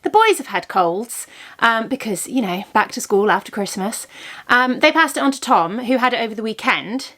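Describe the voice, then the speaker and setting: Slightly high with big pitch swings, this woman speaks at normal speed in a fairly bright tone. She's in her thirties, a vlogger who dyes yarn, and a cold has left her congested with a blocked ear as she rambles casually, full of ums and corrections of herself.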